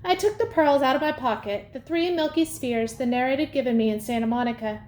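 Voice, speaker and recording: A woman reading a storybook aloud in a lively first-person telling. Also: high voice, fast. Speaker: audiobook reader. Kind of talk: storybook narration. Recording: echoey room, faint ambience.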